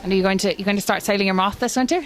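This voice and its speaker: A woman interviewing people at an event, asking cheerful, brisk questions. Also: mid-range voice.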